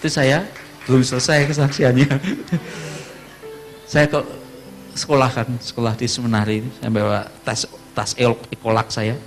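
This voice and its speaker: A pastor from Java preaching a sermon and telling a personal testimony, his voice jumping high when he quotes people, with frequent laughter. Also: normal speed, soft background music. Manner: storytelling, animated voice jumps high for quoted speech, laughs often.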